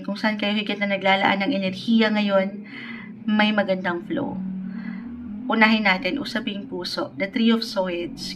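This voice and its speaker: A woman giving a weekly tarot reading on a livestream. She mixes Tagalog and English, speaks politely, and keeps checking in with "okay?". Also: medium pitch. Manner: polite, uses "po" often. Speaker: tarot reader.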